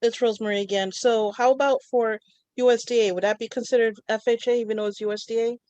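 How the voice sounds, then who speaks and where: A woman's voice: on the high side, steady tone, quick pace, darkish tone. A woman in the audience politely asking the speaker questions.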